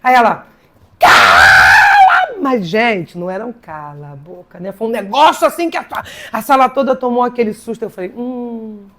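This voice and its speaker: Woman, pastor, sermon, fairly high voice, dramatic, repeats words for emphasis, loud and then hushed. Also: animated, fairly quick, hardly any pauses, slight background noise. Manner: swings between loud preaching and hushed storytelling.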